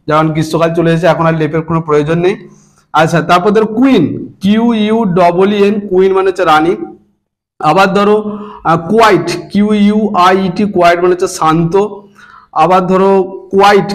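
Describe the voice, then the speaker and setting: High-voiced Bengali man teaching English. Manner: patient, repeats and spells words letter by letter; stretches long words out slowly, syllable by syllable. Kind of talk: explaining grammar lesson.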